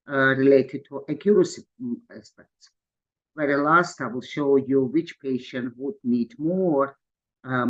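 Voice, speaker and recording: A man from Georgia delivers a webinar talk as an endocrinologist. His English is halting, with frequent pauses and fillers. The audio is a little dull, like a video call. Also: medium pitch. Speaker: conference speaker, endocrinologist. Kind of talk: webinar presentation.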